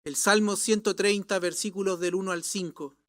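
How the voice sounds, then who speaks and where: A male pastor preaching a sermon in an emphatic way, swinging from loud lines to hushed ones. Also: high voice, steady tone, normal speed, no echo, clean studio sound.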